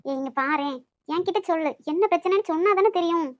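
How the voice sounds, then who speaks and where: A woman voicing an outspoken young cartoon woman with a Nagercoil Tamil accent. She has a high, light voice and a quick, scolding, teasing way of talking. The recording is dry and close. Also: no room sound, muffled recording. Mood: worried. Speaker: voice actor for an animated love story. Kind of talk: cartoon voice acting.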